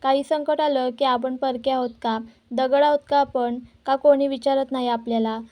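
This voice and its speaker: A woman's voice: high voice, fairly even intonation, moderate pace, close to an everyday voice. Woman reading as a scolding proud young wife. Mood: angry scolding. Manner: sharp and scolding. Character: proud angry young wife, scolding her timid husband.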